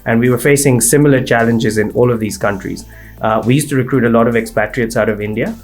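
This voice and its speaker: A man's voice: mid-range voice, quick pace, soft background music. Fluent man in his forties from Kenya. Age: 40s. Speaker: guest, recruitment firm partner. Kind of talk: interview.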